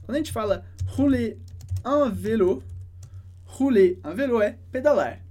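A woman teaching French, explaining a dialogue line by line and repeating each phrase slowly and carefully. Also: a little high, animated, dark tone.

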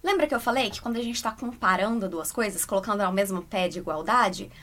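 A Brazilian woman teaching English grammar in Portuguese, explaining step by step and slowing down to read example sentences. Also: mid-range voice, a bit bright. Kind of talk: explanatory online lesson.

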